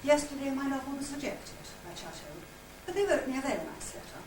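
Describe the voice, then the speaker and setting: An older woman at a literary society conference reads a scripted presentation of narration, letters and diary extracts in a high, very animated voice at a quick pace. The conference hall recording is echoey, with a distant mic and loud noise.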